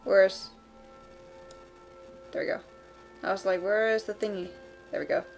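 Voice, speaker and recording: A woman streamer chatting casually while she draws, rambling with many fillers and quick laughs. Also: mid-range voice, level tone. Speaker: streamer drawing live. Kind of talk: casual chat while drawing. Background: faint background music.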